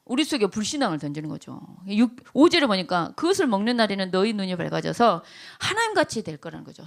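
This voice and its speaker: A middle-aged woman, a pastor's wife, giving a lively testimony talk, acting out the people in her stories and laughing often. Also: mid-range voice, creaky. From South Korea. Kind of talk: testimony talk at a training event.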